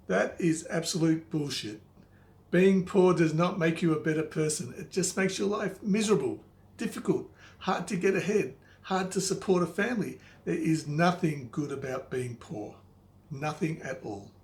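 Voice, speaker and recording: A man's voice: a little high, darkish tone. An older man giving a motivational lesson straight to the listener like a wise old mentor, plain-spoken and didactic, repeating key phrases for emphasis. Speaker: money coach, presenter. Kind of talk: motivational instructional monologue to the viewer. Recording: echoey room, faint background noise.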